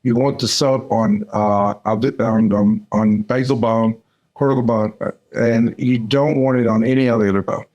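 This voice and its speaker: Older man from Arkansas, unhurried. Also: lowish voice, steady tone, darkish tone, lo-fi sound. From Central Arkansas, USA. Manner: unhurried, with many "uh" fillers. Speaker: dental surgeon and course mentor. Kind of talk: podcast interview.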